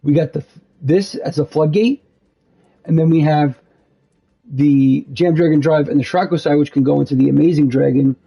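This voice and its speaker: Tired, hoarse man with a gravelly voice. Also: a little high, mellow, muffled recording. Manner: rambling, full of fillers and restarts. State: losing his voice, tired. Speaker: card game channel host. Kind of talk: casual gameplay commentary.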